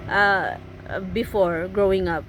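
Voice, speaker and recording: A woman with a Filipino accent giving a personal interview outdoors by a road, earnest and halting in her English. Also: medium pitch, fairly even intonation. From Philippines. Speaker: interviewee and channel co-host. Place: outdoors beside a busy road. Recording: clear traffic noise outdoors. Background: vehicles passing.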